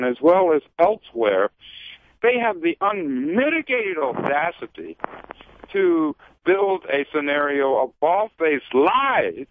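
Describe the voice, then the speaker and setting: A man's voice: a little high, no room sound. A man giving impassioned, emphatic and indignant commentary on a political talk radio show. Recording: tinny dry phone line.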